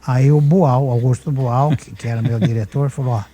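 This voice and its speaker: A man's voice: mid-range voice, moderate pace. An older man with a São Paulo countryside accent, a humorist guest telling anecdotes and acting out the dialogue. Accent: São Paulo countryside (caipira). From Brazil. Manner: lively storyteller acting out dialogue. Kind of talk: anecdotal storytelling.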